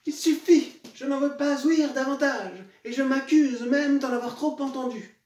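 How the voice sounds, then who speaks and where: A man's voice: extremely high pitch, normal speed, darkish tone. A man playing a proud, betrayed noblewoman in classical theatre, declaiming with hammy, vengeful indignation. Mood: indignant, vengeful. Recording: echoey room, far from mic.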